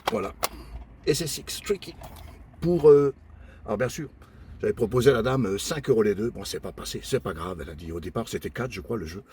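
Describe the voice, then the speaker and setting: An older man in a casual show-and-tell vlog, calmly listing his flea-market finds one by one with many pauses and fillers, and chatting warmly with his viewers. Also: lowish voice, slight background noise. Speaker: flea-market collector vlogger.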